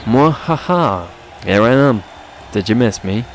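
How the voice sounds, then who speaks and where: A man voicing a hammy, boastful octopus villain in a video game, with slow theatrical menace. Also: medium pitch, animated, a little hiss or hum, lightly acted. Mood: gloating menace.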